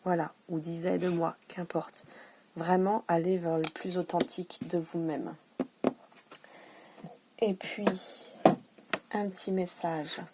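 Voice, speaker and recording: Gentle low-voiced French-speaking wellness coach. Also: female voice, flat delivery, takes it slowly, long pauses, noisy background. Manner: gentle and encouraging, with hesitant restarts; drops to a soft hush while guiding breathing. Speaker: wellness coach offering private sessions and massages. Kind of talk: casual self-help talk with guided breathing.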